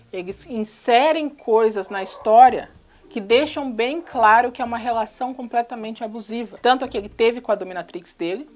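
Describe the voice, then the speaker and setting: A Brazilian woman who recaps a film at a rapid clip, with sarcastic asides throughout. Her voice sits somewhat high, and her Brazilian Portuguese accent is clear. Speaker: channel host.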